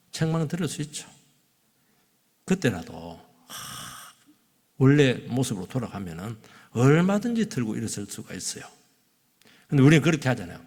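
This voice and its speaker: A male pastor preaching a Sunday sermon, his husky, gravelly voice rising into loud exclamations and dropping to near-whispered asides. His pitch swings widely as he presses each point. The long reverb of a church hall trails behind every phrase. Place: church sanctuary.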